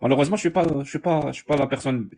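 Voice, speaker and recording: A man's voice: a little high, rapid-fire, creaky, a little mellow. A man debating informally on a live stream, sardonic and insistent, restating his points and questions.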